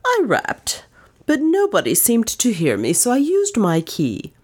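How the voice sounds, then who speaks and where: A woman's voice: on the high side, huge pitch swings, unhurried, a little mellow, slightly rough, pitched above the performer's own voice, exaggerated voice. A woman voicing a foppish young man about town who speaks in a light, careless, airy way. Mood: breezy.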